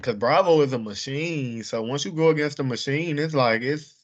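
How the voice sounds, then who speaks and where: A man's voice: medium pitch, normal speed. A man hosting a casual chat show, talking loosely and often checking in with his co-host. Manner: loose, chatty, often asks "you get what I'm saying?". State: hiccuping from wine. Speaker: podcast host. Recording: dull lo-fi audio.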